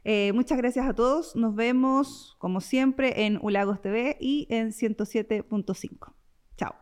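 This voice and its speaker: A woman's voice: fairly high pitch, unhurried, clear, resonant tone. Woman hosting an interview. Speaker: interview host. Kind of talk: radio and TV interview.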